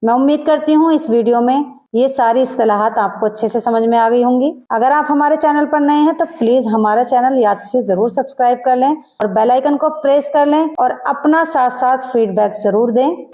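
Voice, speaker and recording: A woman with an Urdu accent teaching a grammar lesson, explaining terms and slowing down to pronounce example words carefully. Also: sits high, mellow.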